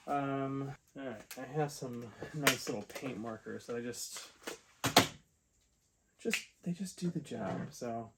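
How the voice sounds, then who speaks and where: Guy doing a toy unboxing, slow, kinda fed up and wry, soft background hiss. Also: medium pitch. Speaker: toy reviewer. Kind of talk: casual unboxing chat.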